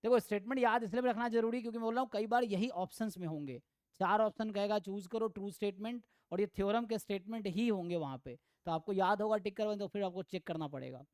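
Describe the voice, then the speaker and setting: Male math tutor, clear tone, dry close recording, thinks out loud and reads theorems slowly. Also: sits high, no echo. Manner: thinks aloud, mixes Hindi with English terms. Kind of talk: online exam-prep lecture.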